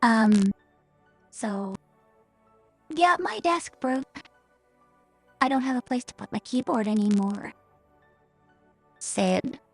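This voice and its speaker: A woman's voice: a little high, slow pace, long pauses, no echo, soft background music. A woman VTuber chatting casually on stream through a staticky voice changer that cuts out, rambling with hesitant fillers.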